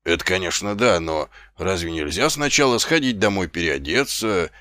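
A man voicing a slow, timid, middle-aged male sergeant who talks hesitantly and grumbles, in an audiobook. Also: low-pitched, expressive, pushed and bright, dry recording, clean studio sound, voice pushed down.

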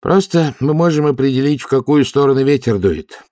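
A man's voice: medium pitch, lively intonation, fairly quick, mellow, dry recording, clean studio sound, pitched above the performer's own voice, close to an everyday voice. A man reading an audiobook, voicing a cautious older refugee man who speaks impassively and warily. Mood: wary. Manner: impassive, wary.

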